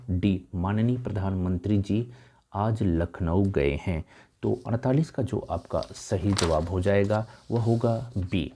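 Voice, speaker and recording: A man with a very dark, mellow voice walks through an exam paper. His voice sits somewhat low, and he reads each option slowly before moving on briskly to explain the correct answer. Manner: addresses viewers as dear friends. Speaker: Hindi exam tutor.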